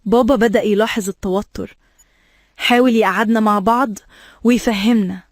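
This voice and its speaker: A woman's voice: mid-range voice, steady tone, fairly quick, no echo, studio quality. A young woman with an Egyptian accent, telling her own story in a dramatic, emotional scripted narration. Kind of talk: scripted first-person storytelling.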